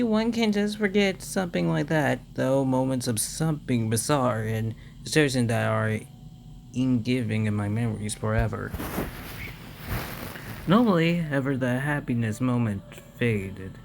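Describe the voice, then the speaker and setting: A man reading a visual novel aloud with casual commentary, halting and stumbling over words. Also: lowish voice, a little mellow, a little hiss or hum. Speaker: let's play host reading a visual novel.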